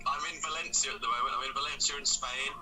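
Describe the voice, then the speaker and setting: A man joining as a guest over a crackly, low-quality remote line, chatting casually and hesitantly with many fillers and repeated words. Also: steady tone, fast talker. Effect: crackly, low-quality remote call line. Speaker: guest commentator. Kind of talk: casual chat over gameplay. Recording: crackly distant call line with loud music behind.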